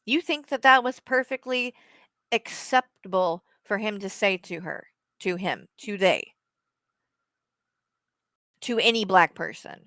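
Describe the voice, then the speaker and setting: A woman's voice: medium pitch, measured pace, pauses often, fairly bright tone, dry recording. A woman streamer giving heated live commentary, blunt and profane, talking straight at the person she criticizes. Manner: blunt, profane, addresses someone directly.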